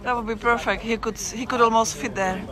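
Her fairly high voice stays fairly even and moves a little fast as she vlogs her way through an outdoor city market, with crowd noise, traffic and street bustle behind her. She chats casually, rambles, corrects herself and laughs frequently.

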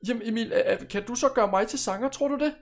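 A man hosting a Minecraft role-play, talking in a hesitant, stammering, easily flustered way. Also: extremely high pitch. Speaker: channel host.

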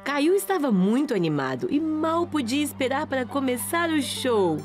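A woman's voice: high voice, very animated, normal speed, soft background music. A woman narrating a children's cartoon as a storyteller, reading scripted lines.

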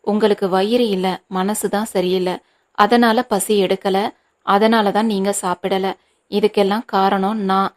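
A woman's voice: medium pitch, level tone, unhurried, darkish tone, close to an everyday voice. A woman reading the part of an anxious grown son who pleads earnestly and firmly with his mother, in an audiobook. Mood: pleading.

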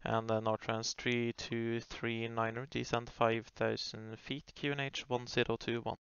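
Guy doing air traffic control radio, very clear voice, dry slightly dull audio, clipped procedural calls. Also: mid-range voice, flat delivery, unhurried, fairly bright tone, dry recording. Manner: clipped procedural phrasing, polite. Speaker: air traffic controller on a flight simulation network.

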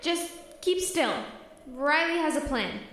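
A woman's voice: high-pitched, animated, slow pace, fairly bright tone, full character voice. A woman playing a caring, anxious young girl in an audio drama. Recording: very echoey, music underneath.

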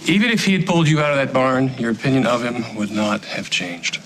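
A man's voice: mid-range voice, a little fast, fairly bright tone, a little hiss or hum, close to an everyday voice, low-quality recording. An actor playing a skeptical father in a daytime soap, sarcastic and challenging. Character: skeptical protective father, sharp-tongued.

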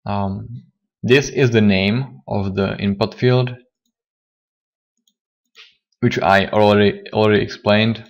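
A man with a slightly hoarse, lowish voice walks through a coding tutorial. He speaks slowly and haltingly, pausing often and restarting his sentences as he explains each step. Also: fairly even intonation, muffled recording. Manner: halting, many fillers and restarts. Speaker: programming tutor. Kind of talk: screen-recorded coding tutorial.

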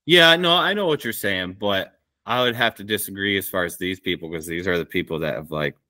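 A deep, sharp-toned male voice comes through briskly, with no room sound. He's a woodworker with a small business, probably in his thirties, guesting on a podcast from his small indoor shop via a video call mic. The conversation is casual and candid, and he tends to ramble a little.

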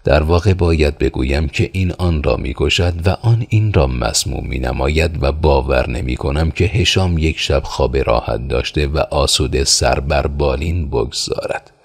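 A man voicing a thoughtful, well-informed young man in an audiobook, explaining things calmly and evenly. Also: a bass voice, gravelly, slightly rough, heavily acted. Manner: calm, measured explaining.

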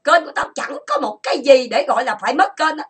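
A woman from Vietnam who hosts an online chat room, delivering an angry monologue full of insults and grievances, listed in rapid bursts. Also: high voice, lively intonation, loud music behind the voice.

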